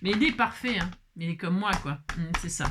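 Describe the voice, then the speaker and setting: A woman's voice: fairly low pitch, expressive, fairly quick, heavy background noise. A woman crafter chatting casually through a card-making tutorial, playful and self-mocking, humming to herself as she works.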